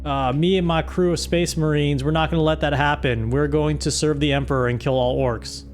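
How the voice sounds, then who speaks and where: A man's voice: on the high side, fairly even intonation, brisk, faint music behind, natural voice. A man voicing an eager male space marine commander, in a casual, offhand way. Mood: determined. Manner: casual, offhand, like a friend talking.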